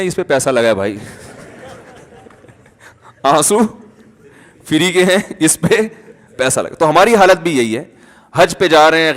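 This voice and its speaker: Man preaching in a reverberant hall. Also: fairly high pitch. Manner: conversational preaching with humor and asides. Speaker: religious scholar. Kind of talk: Urdu sermon.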